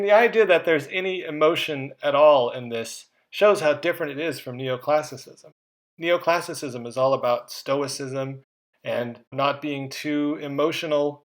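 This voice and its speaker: A man giving a recorded art history lecture in a conversational way, with casual asides. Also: medium pitch.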